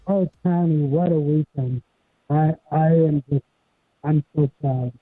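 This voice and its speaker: A man calling in to a sports radio show, his voice muffled and bass-heavy over the phone line, as if underwater, stumbling excitedly over his words. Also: slow, faint music behind. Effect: muffled phone line, bass only, as if underwater. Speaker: caller. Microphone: phone call.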